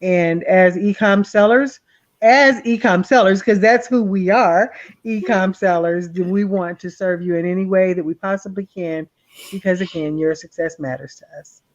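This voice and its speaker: A woman's voice: mid-range voice, normal speed. Casting: sleepy woman, chatty live-stream co-host, slightly muffled audio. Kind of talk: casual live-stream chat.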